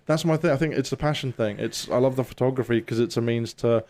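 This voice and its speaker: A man's voice: mid-range voice, fast talker, a little mellow, slight background noise. A man with a southern English accent chatting casually and telling anecdotes as a podcast guest in an easy, bantering way. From southern England, Scottish family.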